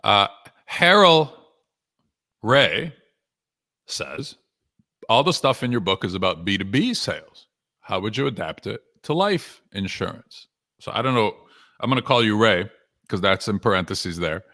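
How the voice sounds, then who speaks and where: A sales coach and author leads a live webinar with a mid-range voice that sounds pushed and bright. He speaks to viewers conversationally in brief, punchy phrases, often posing rhetorical questions.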